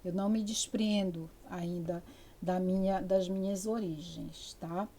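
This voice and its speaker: A woman's voice: lowish voice, fairly even intonation, unhurried, mellow. An older woman from the interior of Amazonas with a Brazilian Amazonas accent, giving a lecture in a chatty, digressive way full of fillers and restarts. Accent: Amazonas interior Brazilian Portuguese. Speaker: university lecturer. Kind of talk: spoken lecture.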